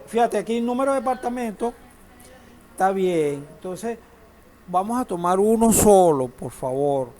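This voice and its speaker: A man's voice: high voice, animated, normal speed, crowd noise. A man teaching a database class, lecturing in a classroom, asking students questions and joking now and then. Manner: asks the class questions, uses humor.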